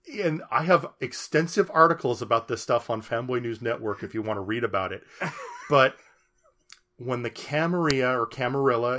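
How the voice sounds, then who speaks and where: A man's voice: mid-range voice, fairly bright tone. A man chatting casually on a podcast, telling a story in a rambling way with many restarts and amused asides.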